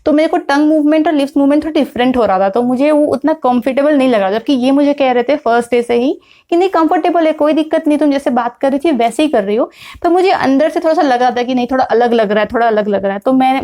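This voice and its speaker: A young woman from India talks to camera in a relaxed, chatty vlog, dropping English words in as she goes. Her voice sits a little high, and her delivery is loose and conversational with frequent fillers. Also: fast talker. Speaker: vlogger. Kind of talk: casual talking-to-camera vlog.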